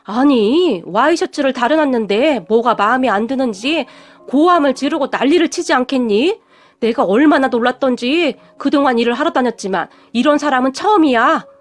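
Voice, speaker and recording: A woman's voice: high voice, lively intonation, normal speed. A woman voicing a weary, proud middle-aged mother who works as a housekeeper, talking in a stubborn, sighing way.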